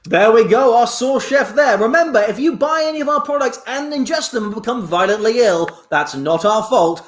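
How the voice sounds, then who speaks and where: A man's voice: very high voice, lively intonation, normal speed, voice pushed up. A man playing a slick, emphatic TV shopping presenter in a comedy parody, cheerfully scornful. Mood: cheery, mocking. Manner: slick, emphatic salesman patter. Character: brightly insulting shopping channel presenter. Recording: roomy livestream audio.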